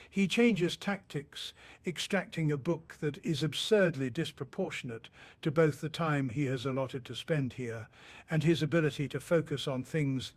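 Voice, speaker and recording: Male mock documentary narrator, slightly high-set voice, solemn and deadpan, scripted formal delivery.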